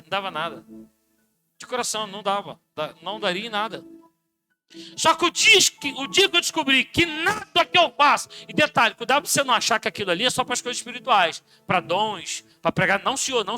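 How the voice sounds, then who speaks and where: A Brazilian pastor preaches with a very high, piercingly bright voice. He swings between loud shouted lines and quiet muttered asides, acting out little dialogues. Soft music plays faintly behind him. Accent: Brazilian Portuguese. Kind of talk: sermon. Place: church.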